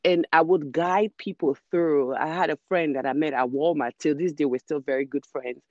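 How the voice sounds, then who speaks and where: A woman's voice: sits low, steady tone, a little mellow, no room sound. Earnest woman minister, muffled sound. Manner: earnest, measured, preacherly. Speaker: guest, minister. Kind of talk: faith-based interview conversation.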